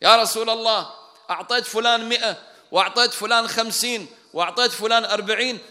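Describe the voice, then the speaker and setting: A preacher voicing an aggrieved man who shouts an indignant complaint. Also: very high voice, quick pace, pitched above the performer's own voice, exaggerated voice. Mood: shouting complaint. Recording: long hall reverb.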